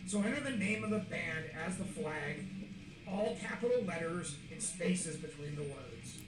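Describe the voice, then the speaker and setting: A man's voice: fairly high pitch, expressive, unhurried. A man voicing a taunting male demon in a puzzle clip, his voice given a demonic layered effect, boastful and taunting. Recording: echoey, distant, loud music behind.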